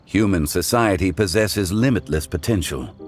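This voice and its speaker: A man voicing a calm, courteous, ancient gentleman consultant with formal, measured, eloquent speech in a game. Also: sits low, natural voice. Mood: calm, reflective. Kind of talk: scripted game dialogue. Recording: studio voice over game music.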